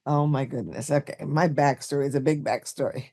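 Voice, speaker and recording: A woman in her sixties, originally from Barbados, telling stories as a guest in a podcast interview, chatty and animated, with fillers and laughs. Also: extremely low pitch, a little fast, husky. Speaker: guest, makeup artist.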